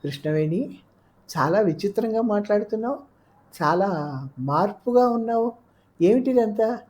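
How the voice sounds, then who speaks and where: A woman's voice: sits low, expressive, normal speed, mellow, a little hiss or hum. A woman reading the part of a bewildered, anxious young man, pressing with urgent questions in an audiobook. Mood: puzzled. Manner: pleading, rising urgent questions.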